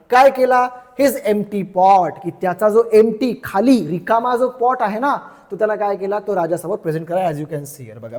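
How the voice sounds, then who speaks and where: High-voiced man teaching in a reverberant room. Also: darkish tone. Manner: explains slowly, repeating each word and its meaning; chatty, checks in with "ठीक आहे". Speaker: English teacher. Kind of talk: explaining a story lesson.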